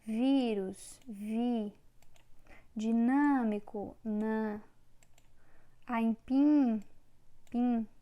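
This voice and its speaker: Slow, mellow woman teacher. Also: a little high. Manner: slow, clear syllable-by-syllable dictation. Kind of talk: online Portuguese grammar lesson.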